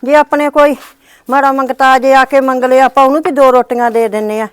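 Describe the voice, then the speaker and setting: An aggrieved old mother-in-law, played by a woman, lamenting and crying out to God in a village short drama. The voice sits high and the recording is dry and close. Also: little pitch movement, fairly quick, clean tone, no room sound, natural voice. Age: older. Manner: lamenting, complaining, appeals to God. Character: aging rural mother-in-law, sick and aggrieved.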